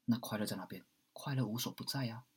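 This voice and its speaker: A man giving a blunt, preachy monologue, swearing at times and swinging between loud outbursts and hushed asides. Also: lowish voice, quick pace, slightly rough. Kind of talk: impassioned monologue.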